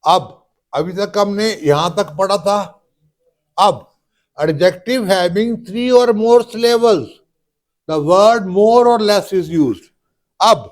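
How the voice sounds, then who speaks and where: Man, grammar teacher, high voice, slow deliberate dictation, drawn-out words. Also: darkish tone. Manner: slow, drawn-out word-by-word dictation, addresses students as beta. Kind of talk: classroom grammar lesson.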